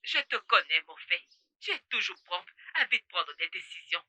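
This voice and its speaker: A woman dubbing a calm mother who counsels her son soothingly, with music behind her. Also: fairly low pitch, normal speed, no echo, full character voice. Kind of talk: French film dub. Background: background music.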